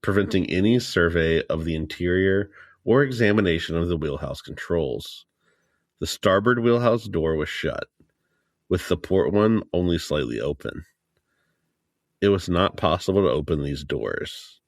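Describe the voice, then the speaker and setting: Man, very low voice, dry close sound, steady measured reading, podcast co-host. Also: no room sound. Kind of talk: reading a report aloud, casual chat.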